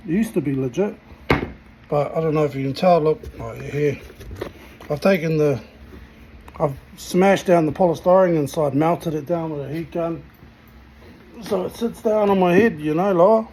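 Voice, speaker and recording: A man's voice: fairly high pitch, normal speed, long pauses, mellow, slight background noise. A man giving a casual, blunt rant to camera in sweary slang. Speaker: motorcycle vlogger.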